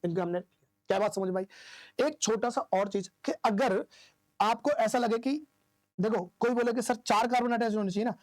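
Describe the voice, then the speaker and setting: A man's voice: sits high, moderate pace, a little mellow, no room sound. A man teaching chemistry in a classroom-style lecture, asking questions and answering them himself while counting aloud. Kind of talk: classroom lecture explaining isomer naming.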